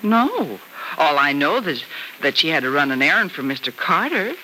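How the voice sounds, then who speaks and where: A genteel, middle-aged American mother in old radio soap style. Her voice is very bright and moves in lively swings, dignified and polite, over faint hiss on a vintage recording. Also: low-pitched, moderate pace, full character voice, poor audio. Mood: polite, puzzled. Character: polite, dignified small-town mother who stands firm. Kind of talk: old-time radio soap opera acting.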